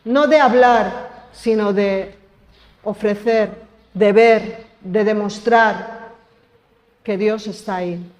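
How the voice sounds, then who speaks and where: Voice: mid-range voice, slow pace, pauses often. Preacher, accent from Spain, conversational sermon with rhetorical questions, echoing church hall. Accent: Spain Spanish. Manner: conversational, asks the congregation questions.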